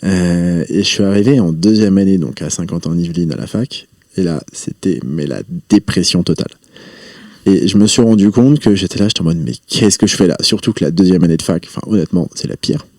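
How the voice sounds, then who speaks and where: A man with a low, mellow voice talks things through in a loose, rambling way, pausing often on filler sounds. The sound is close and dry, with no room around him. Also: dry recording. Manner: reflective, rambling, frequent hesitations. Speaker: podcast guest, entrepreneur. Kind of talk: casual interview talk.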